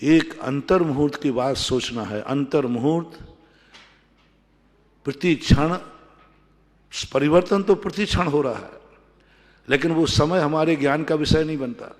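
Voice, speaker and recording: A man giving a sermon as a Jain monk, emphatic and repeating his phrases with measured pauses. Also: on the high side. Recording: long hall reverb.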